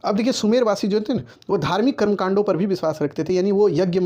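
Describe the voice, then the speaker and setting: Guy teaching history for exams, high-ish voice, mellow tone, talks fast, keeps saying okay?. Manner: repetitive, keeps checking with "ठीक है"; addresses students directly, giving writing instructions. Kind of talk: exam-focused lecture to students.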